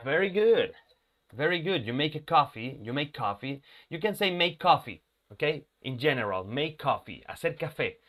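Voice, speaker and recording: A male English teacher talks his students through a lesson at an unhurried pace. He repeats words slowly for practice and keeps asking whether they follow. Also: a little high, sing-song, a bit bright. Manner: checks in often with "ok?" and "ya?".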